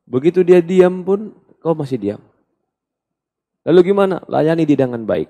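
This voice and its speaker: A man preacher giving a question-and-answer sermon, animated and emphatic, dropping to soft quoted asides. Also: fairly high pitch, normal speed. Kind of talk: sermon, Q&A lecture.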